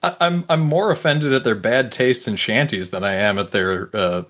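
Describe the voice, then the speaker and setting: A man's voice: mid-range voice, normal speed, a bit bright. A man playing in a tabletop game, describing his moves hesitantly, with stammered restarts. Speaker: player. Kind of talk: casual tabletop play.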